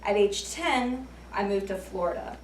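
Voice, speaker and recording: Speaking a little slowly in a medium pitch, the same American woman in her twenties gives her rehearsed speaking-club talk, gently poking fun at herself with light jokes. The distant mic picks up room echo plus a little hiss or hum.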